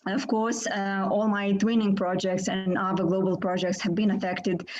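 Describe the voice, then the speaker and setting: A woman teacher giving remarks on a conference panel in a hesitant, measured way. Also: mid-range voice, little pitch movement, a little mellow. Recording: dull video-call audio.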